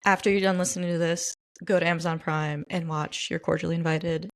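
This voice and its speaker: A woman's voice: fairly low pitch, steady tone, a little fast. A young woman co-hosting a casual podcast, wry and steering the conversation along. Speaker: podcast co-host. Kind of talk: casual chat.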